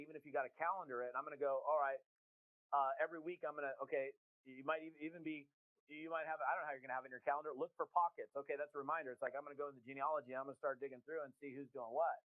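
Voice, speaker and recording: A man's voice: a little high, racing. Phone-line motivational speaker, man. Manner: energetic, repeats words, asks rhetorical questions. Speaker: speaker at a virtual business event. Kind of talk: motivational business talk. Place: home setup for a virtual event. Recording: phone-like narrow audio.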